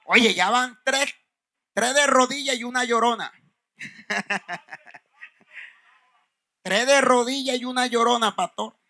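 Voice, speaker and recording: A man's voice: very high voice, slow pace, pauses often, sharp tone. A man preaching a fervent Pentecostal sermon, calling the congregation brother and reading scripture aloud. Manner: fervent, addresses congregation as hermano.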